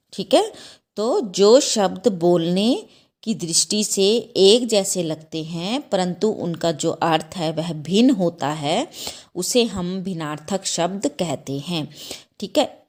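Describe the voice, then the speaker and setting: Slow, patient woman teacher. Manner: repeats "ठीक है?" with a rising pitch, asks children questions; slow, patient, self-correcting. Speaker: school teacher. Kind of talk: slow explanatory class lesson.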